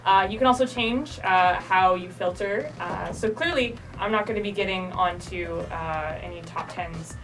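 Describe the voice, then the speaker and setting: A woman's voice: fairly low pitch, normal speed, hardly any pauses, fairly bright tone, faint music behind, low-quality recording. A woman co-hosting a game stream, chatting and joking while she plays. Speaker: co-host playing the game on stream. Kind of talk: casual livestream chat.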